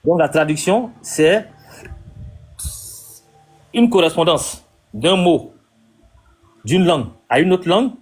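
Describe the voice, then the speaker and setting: A man's voice: a little high, expressive, slow, pauses often. A man hosting a debate, insistently questioning his guest and repeating his points. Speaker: debate host. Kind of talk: live debate conversation.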